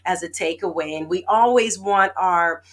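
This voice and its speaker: A woman's voice: fairly low pitch, moderate pace. A woman hosting an inspirational talk show over a video call, effusive and heartfelt, close to tears at times.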